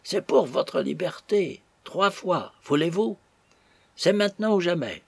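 A man voicing an anxious, gruff old sea captain who pleads insistently in a big, gravelly voice. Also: on the high side, expressive, measured pace, no room sound, pitched above the performer's own voice, full character voice. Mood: urgent pleading.

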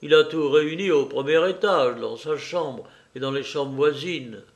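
A man voicing an eager, nervous young male accomplice who speaks loudly and deferentially in an audiobook reading. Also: fairly high pitch, unhurried, highs cut off. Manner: excited, loud, deferential.

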